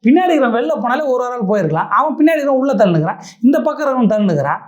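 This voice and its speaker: A woman's voice: fairly high pitch, big pitch swings, rapid-fire, darkish tone. A woman delivering an angry, indignant political rant full of rhetorical questions.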